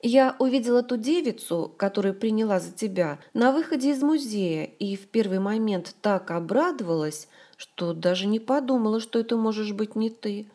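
A woman narrator voicing an emotional young woman friend who chatters in excited rushes and exclamations on the phone, in an audiobook. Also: mid-range voice, lightly acted. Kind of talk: audiobook character voice.

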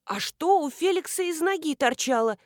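A woman voicing a timid, jumpy woman housekeeper, with an excited, raised delivery, for an audiobook. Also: sits high, moderate pace, no room sound, studio quality, pitched above the performer's own voice. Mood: shaky. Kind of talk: audiobook character reading.

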